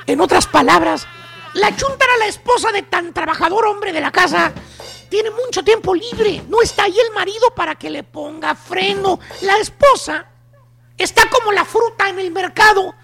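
A Mexican radio host spins a comic story in slangy, teasing, emphatic bursts. His voice is very high with a gravelly creak. Light music plays underneath. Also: expressive, normal speed, sharp tone. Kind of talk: comedic storytelling monologue.

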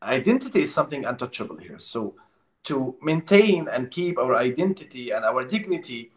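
In a remote interview, a Palestinian man speaks with passion at normal speed, his medium-pitched voice swinging widely in pitch. He presses his points hard and repeats words as he goes.

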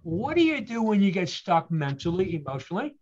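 A man's voice: high voice, big pitch swings, fairly quick, a little mellow, lo-fi sound. A man telling his story with earnest motivational emphasis. He asks rhetorical questions and repeats key phrases. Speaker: guest speaker.

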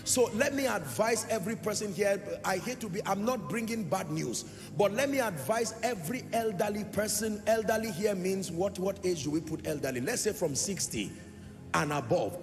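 A man preaching in a large church hall, his high voice carrying a gravelly edge. His phrases swell into a sing-song cadence and jump suddenly louder, and he throws questions back at the congregation. Long reverb trails after each line, with clear music playing underneath. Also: expressive, moderate pace. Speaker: pastor. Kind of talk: sermon.

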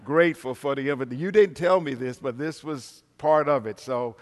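An older American man preaches as a guest at a Sunday service, addressing the congregation directly in a folksy, emphatic manner. His voice is medium-pitched and fairly quick, echoing with the reverberant sound of a large indoor worship space.

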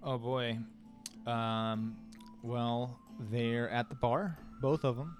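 Man, tabletop player, casual comic storytelling, medium pitch, faint music behind. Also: fairly even intonation, takes it slowly.

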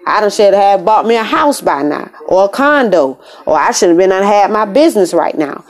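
In a room of an apartment, an American woman hosts a podcast, delivering a casual motivational monologue with a medium-pitched voice, lively intonation, and a moderate pace. Her conversational style is emphatic, and she often repeats phrases to drive points home.

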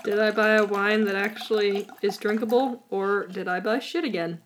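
A woman hosting a podcast from home in casual chat, blunt, bossy and quick to swear. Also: medium pitch, steady tone, a little hiss or hum. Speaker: podcast host.

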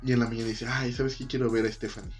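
Casting: young Mexican man, profane storyteller, mid-pitched, light music underneath. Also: fast. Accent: Mexican Spanish. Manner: profane, slangy, animated retelling with acted quotes. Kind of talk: casual chat, storytelling.

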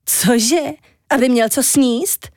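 A woman reading a children's story, voicing a vain, chatty young woman with a high, flighty voice. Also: a little mellow, no room sound, clean studio sound, natural voice.

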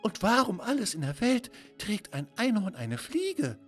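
A man's voice: high-pitched, wildly swooping pitch, unhurried, soft background music, voice pushed up, heavily acted. A man voicing a curious, brave little girl of five who talks in an eager, wondering way. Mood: amazed.

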